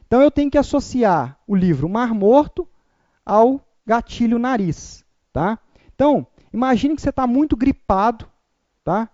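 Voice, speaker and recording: A man's voice: high voice, mellow, dry recording, muffled recording. A man teaching a memorization lesson, upbeat and chatty, leading the listeners through call-and-repeat drills.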